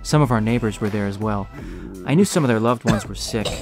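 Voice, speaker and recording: Over music, a man with a fairly low, natural voice speaks briskly as a young slum hero recounting his own story. The audio drama mixes first-person narration with acted dialogue, reflective, earnest and emotional.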